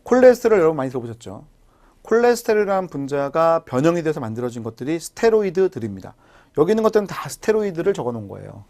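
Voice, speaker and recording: Gravelly-voiced male biology lecturer. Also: on the high side, racing. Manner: animated teacher with mnemonic jokes. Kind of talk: recorded online lecture.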